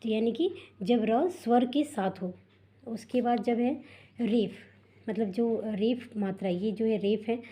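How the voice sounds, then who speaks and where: Mellow-voiced woman teacher, patient explaining. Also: fairly high pitch. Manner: patient, repetitive explaining with frequent fillers and rhetorical questions. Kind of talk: explaining a school textbook lesson.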